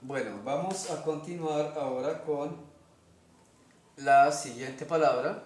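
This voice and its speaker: A man with a Colombian Spanish accent teaching a language lesson, explaining slowly step by step and often checking in with his listeners. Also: a little high. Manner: slow, methodical, checks in with "¿ok?". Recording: echoey room.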